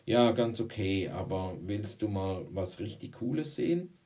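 A man's voice: lowish voice, lively intonation, a little slow, mellow, distant mic, pitched above the performer's own voice. A man doing a cocky schoolboy. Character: cocky sixth-grade boy. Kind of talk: audiobook reading.

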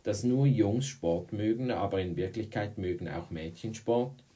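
A man's voice: on the low side, unhurried, warm tone, far from the mic, pitched above the performer's own voice, lightly acted. A man doing a friendly, witty teacher. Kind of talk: audiobook reading.

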